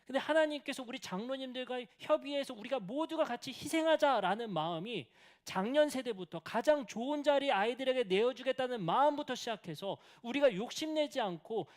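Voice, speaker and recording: A man preaching a sermon as senior pastor, asking rhetorical questions, telling stories with acted dialogue and sometimes dropping to a whisper for emphasis. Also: extremely high pitch.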